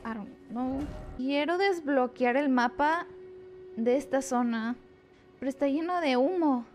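Playful and casual, a woman streams a video game and comments in Spanish that slips in English words here and there. Her voice is high, and there's slight background noise.

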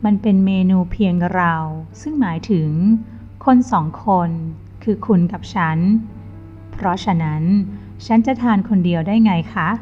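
A woman's voice: mid-range voice, unhurried, dark tone, natural voice. A woman voicing a loving young female boss who speaks tenderly and coaxingly, in a dull lo-fi recording with faint music.

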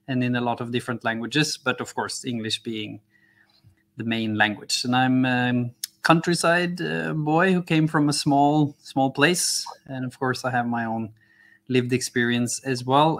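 A man's voice: medium pitch, fairly bright tone. A man in his thirties from Norway, a guest on a video call, speaking earnestly and steadily. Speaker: guest, founder.

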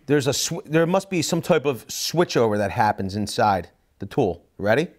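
A man in his forties giving a casual, lively tool review while testing gear in an indoor workshop, talking into a lapel mic. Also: medium pitch, normal speed. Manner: lively, chatty, excited while testing tools.

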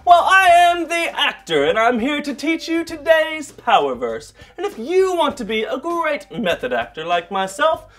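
A woman's voice: high-pitched, sing-song, moderate pace, few pauses. A woman playing a self-important stage actor who presents a children's church lesson in a theatrical, pompous manner. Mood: grandly theatrical. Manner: theatrical, pompous, grand flourishes. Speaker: kids' church segment presenter.

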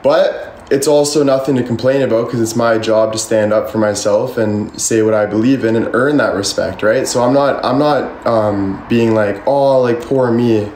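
This man in his twenties barely pauses as he vents on a livestream at a moderate pace, his mid-range voice a little mellow. He's rambling, defensive and emphatic, swearing freely into a phone at arm's length in his echoey bedroom with a ceiling fan, with a little hiss or hum.

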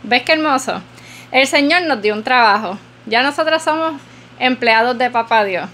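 A woman's voice: high voice, expressive, moderate pace, sharp tone, a little hiss or hum. A woman podcast host giving an earnest, preacherly devotional talk, repeating phrases for emphasis.

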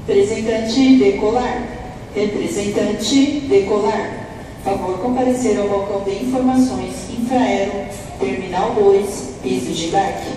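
Give me a woman's airport PA announcement, distant, echoing through a hall, mellow tone. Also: mid-range voice, measured pace, slight background noise. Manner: formal, repeated announcement. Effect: over an airport PA loudspeaker. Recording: echoey loudspeaker in a big hall, heard from far off.

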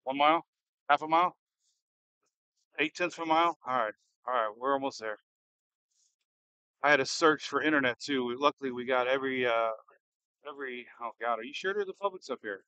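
A man with a bright, forceful voice in a close, dry-sounding recording. He talks like a storm chaser live from behind the wheel, casual and a little edgy, thinking aloud and repeatedly asking questions. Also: medium pitch, brisk, pauses often, clear, resonant tone, dry recording, muffled recording. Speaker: storm chaser and livestream host. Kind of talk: casual live commentary while driving. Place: inside a moving car in a storm.

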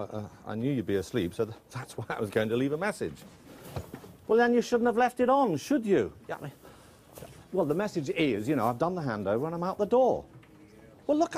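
A man's voice: fairly high pitch, a little mellow, voice pushed up. An actor playing a flustered man who stammers and apologises on a phone call.

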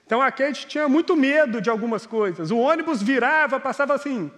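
High-voiced pastor in a reverberant church. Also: male voice, animated, a little fast, a bit bright. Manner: conversational, self-mocking, acts out dialogue. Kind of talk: sermon with personal storytelling. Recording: church hall with long reverb.

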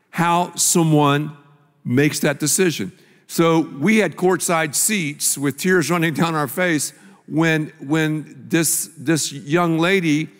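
An older man, a pastor, tells a story in a stage sermon dialogue on a large church stage, holding a handheld microphone. His voice is on the high side and a bit bright, and the space adds a long hall reverb.

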